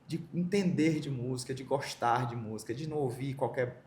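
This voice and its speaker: A man's voice: mid-range voice, moderate pace, a little mellow, echoey room, slight background noise. A middle-aged man from Brazil, sharing a personal story as a podcast guest, speaking with emotion and acting out the dialogue he recounts.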